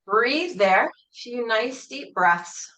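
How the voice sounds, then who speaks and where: Woman fitness instructor, high bright voice, calm encouraging class cues. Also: very slow, low-quality recording. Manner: calm, encouraging, asks reflective questions. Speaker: Pilates instructor. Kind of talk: guided exercise class cueing.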